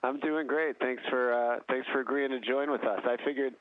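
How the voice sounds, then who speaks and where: A man working as a news reporter, asking informal, halting interview questions over a phone line. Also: mid-range voice, steady tone, no room sound. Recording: tinny, dry phone line.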